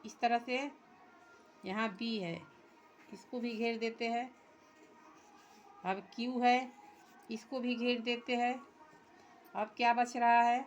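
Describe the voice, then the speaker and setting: A woman's voice: fairly high pitch, steady tone, dull audio, soft background music. A woman teacher, walking young children through a workbook step by step and translating English words into Hindi. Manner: reads English lines very slowly.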